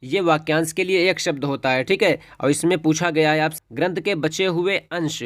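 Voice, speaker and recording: Male teacher, exam-prep lesson, slightly high pitch, dry close sound, methodical explanations. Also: steady tone, moderate pace, no room sound. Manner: explains step by step, often says "ठीक है".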